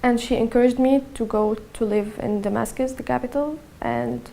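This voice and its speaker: With a fairly high, steady, creaky voice and a dark tone, a 21-year-old Syrian woman recounts her personal story in an interview. Her Syrian-accented speech is halting and often repetitive, with slight background noise.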